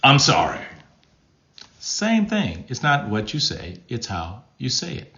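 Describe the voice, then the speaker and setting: This pastor speaks at a medium pitch and measured pace with vocal fry, and the recording is muffled. Live with his viewers, he offers relationship advice, responds to comments, and demonstrates tones of voice, animated and repeatedly asking "okay?"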